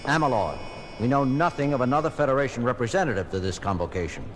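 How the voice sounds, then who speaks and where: Man as Captain Kirk, animated starship captain. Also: mid-range voice, quick pace, crowd noise, close to an everyday voice. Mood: businesslike, puzzled. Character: confident, wry human starship captain. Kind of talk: sci-fi audio drama acting.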